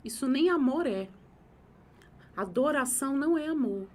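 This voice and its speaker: A woman's voice: high-pitched, animated, moderate pace. A woman, hosting a live talk on emotions, emphatic and repeating phrases for effect. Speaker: host giving advice on emotions.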